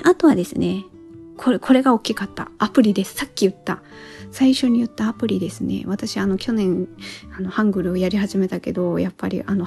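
Woman podcast host, relaxed chatty solo talk, lots of little pauses, soft music low behind her. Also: gravelly. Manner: relaxed and chatty, thinks aloud with many pauses.

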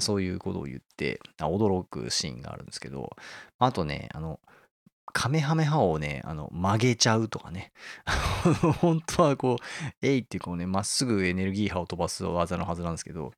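A man's voice: low voice, vocal fry, dry recording, studio quality. A man hosting a casual talk, explaining a favourite manga and often chuckling as he goes. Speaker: host.

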